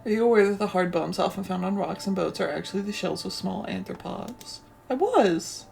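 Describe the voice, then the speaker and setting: Gravelly low-voiced woman gushing over a cozy game. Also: darkish tone. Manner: gushing and easily delighted. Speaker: let's play streamer. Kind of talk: cozy game playthrough, reading on-screen text aloud.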